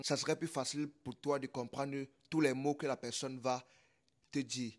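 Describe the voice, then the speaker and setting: A man, presenting a casual tech tutorial and explaining patiently with repeated examples. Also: mid-range voice. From Cameroon.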